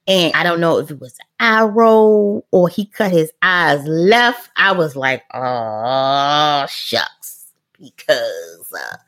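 A middle-aged woman hosting a parenting podcast, telling a family story in a casual, animated way, acting out the quotes and laughing often. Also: fairly low pitch, measured pace, hardly any pauses.

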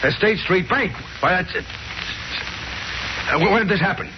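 Impatient, blustering police commissioner played by a male actor, higher-pitched, vintage radio drama, dull recording. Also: moderate pace, natural voice. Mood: flustered, exasperated. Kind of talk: 1940s radio drama acting. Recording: muffled, noisy old radio recording.

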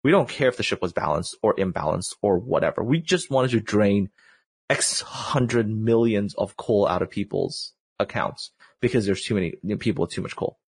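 A man's voice: lowish voice, normal speed, gravelly, slightly rough, dry recording. A man talking in a casual podcast chat, telling exasperated stories and acting out quotes as he goes. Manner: animated, exasperated storytelling with acted-out quotes.

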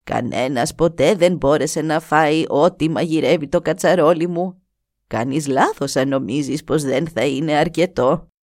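Woman doing a deep-voiced knowing old grandmother. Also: a little mellow, no echo, clean studio sound, lightly acted. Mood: knowing, kindly. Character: ancient old grandmother with a magic pot.

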